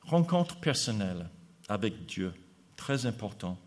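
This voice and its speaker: A man with an American accent preaching a sermon, speaking haltingly with pauses and fillers. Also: lowish voice, sing-song.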